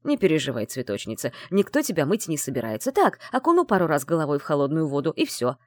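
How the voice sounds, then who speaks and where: Gruff, menacing young man for an audiobook, read by a woman; low and insistent. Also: huge pitch swings, quick pace, dry recording, clean studio sound, full character voice. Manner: gruff and insistent, turns cold and threatening. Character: brusque young man, stern fiancé, menacing.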